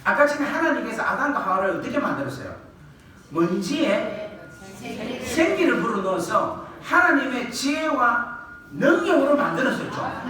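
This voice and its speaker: Lively preacher in an echoey hall. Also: male voice, very high voice. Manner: lively, colloquial, asks the congregation questions and acts out quoted scolding. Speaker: guest revival preacher. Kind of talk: revival sermon with call and response. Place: church sanctuary. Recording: echoey church hall, distant mic.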